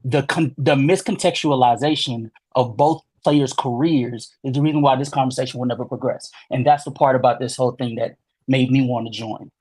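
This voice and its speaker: A man's voice: mid-range voice, steady tone, a little fast, hardly any pauses, a little mellow, low-quality recording. A man in a heated casual basketball debate, exasperated and pleading, repeating himself.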